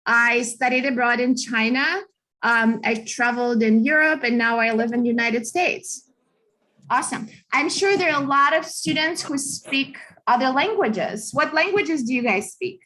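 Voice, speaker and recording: A woman's voice: fairly high pitch, moderate pace, bright, forceful tone. A woman from Russia, a native Russian speaker, giving an upbeat, chatty online talk as a study abroad advisor over a video call. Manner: upbeat, chatty, many fillers. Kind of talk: online information session.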